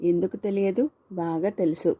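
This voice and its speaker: A woman voicing a young woman who speaks gently and reassuringly. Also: on the low side, steady tone, normal speed, husky, no room sound.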